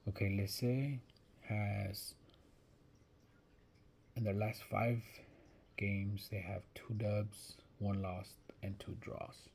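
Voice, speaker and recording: A man's voice: fairly low pitch, little pitch movement, very slow, gravelly, long pauses, darkish tone, a little hiss or hum. A man giving casual soccer betting predictions, thinking aloud and hesitant, often restarting his sentences. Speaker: sports betting vlogger.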